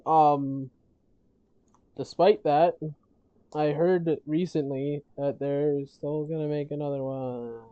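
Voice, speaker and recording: A streamer chatting casually on a gaming stream, rambling with halting restarts and frequent laughs, their voice worn from talking all day. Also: mid-range voice, steady tone, dark tone, clean tone, no room sound, muffled recording. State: losing their voice.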